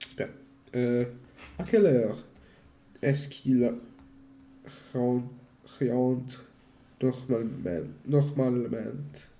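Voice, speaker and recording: A man studying on his own in a casual vlog, reading aloud haltingly, repeating syllables and swearing when he stumbles. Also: medium pitch, warm tone. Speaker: language learner.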